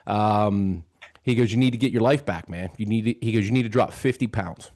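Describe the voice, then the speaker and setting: His voice is lowish and darkish, and he talks a little fast. He's a host in his fifties, earnestly and casually recounting something personal and retelling what was said.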